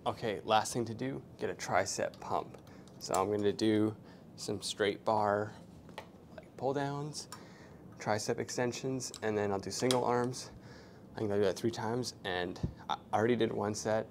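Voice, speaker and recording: A man's voice: on the low side, measured pace, gravelly, a little hiss or hum. A young man talking casually to camera between sets in a small hotel gym, rambling with lots of fillers. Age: young adult. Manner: laid-back, rambling with many fillers. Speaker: fitness vlogger. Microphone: small clip-on mic, camera at a distance.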